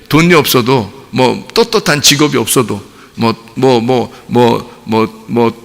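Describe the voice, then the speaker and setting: A man's voice: high-pitched, creaky, fairly bright tone. A man preaching a sermon as a pastor in a church, talking conversationally and asking the congregation questions. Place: church sanctuary. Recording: long hall reverb.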